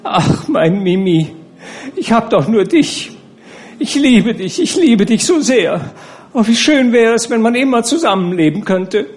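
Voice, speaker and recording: A flighty young courtesan, tipsy and easily offended, her voice pitched high and shrill, as a male audiobook reader puts her on. Her outbursts come in quick bursts of indignation. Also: expressive. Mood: gushing. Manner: shrill outbursts, then gushing tenderness. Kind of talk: audiobook character reading.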